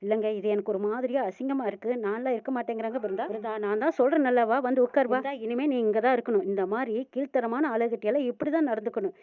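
A woman's voice: on the high side, very fast, hardly any pauses, no echo. A woman retelling a TV serial episode, voicing each character's lines as she tells the story. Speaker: serial recap narrator. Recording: tinny phone-like sound, dry.

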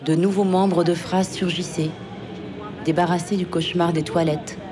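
Low-voiced woman with a warm, dark tone, reading literary prose slowly and deliberately. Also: fairly even intonation, a faint crowd. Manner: measured, literary delivery. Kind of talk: poetic narration.

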